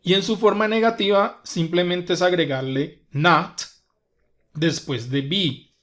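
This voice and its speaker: A man's voice: high-pitched, fairly even intonation, a little slow, fairly bright tone. A man whose first language is Spanish teaching an English grammar lesson, patiently repeating each example step by step. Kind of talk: slow grammar lesson explanation.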